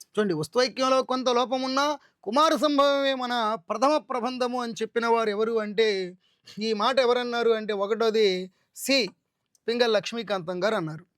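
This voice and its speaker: A man teaching a Telugu literature exam-prep lesson, listing terms slowly, repeating answers and checking options with his students. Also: very high-pitched, steady tone, fairly bright tone, no echo, clean studio sound.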